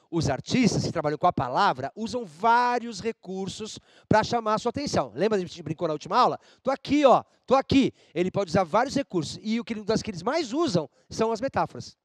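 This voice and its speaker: Brazilian male teacher, high animated voice, dry studio sound, playful lecture. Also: no echo. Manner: animated, playful, addresses students directly. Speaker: Portuguese teacher. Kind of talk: lively televised class lecture.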